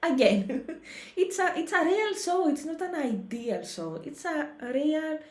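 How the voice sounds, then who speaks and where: A woman's voice: high voice, animated, slow pace, darkish tone, echoey room. A woman hosting a reaction video, thinking aloud in casual commentary, often restarting her sentences as she searches for words. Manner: thoughtful, restarts and hesitates often.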